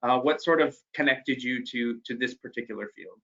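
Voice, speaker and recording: A man's voice: mid-range voice, normal speed, a bit bright, lo-fi sound. A man hosting an online panel interview, speaking hesitantly with many fillers and restarts. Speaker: panel host.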